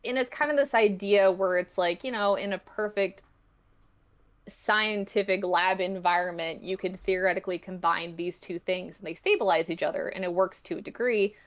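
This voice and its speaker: In a relaxed podcast interview, a woman describes her own creative work and the story behind it. Her voice is medium-pitched and her pace moderate, her manner chatty and informal.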